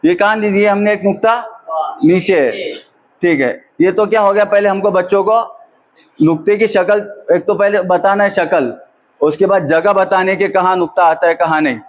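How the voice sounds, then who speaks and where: A high-voiced man drilling a class. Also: normal speed. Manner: patient question-and-answer drilling. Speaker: teacher trainer. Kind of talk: classroom teaching demonstration.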